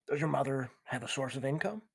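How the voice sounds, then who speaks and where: Lively game master asking pointed questions. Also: male voice, mid-range voice, quick pace, gravelly, slightly rough, no echo. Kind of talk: running a tabletop game interview scene.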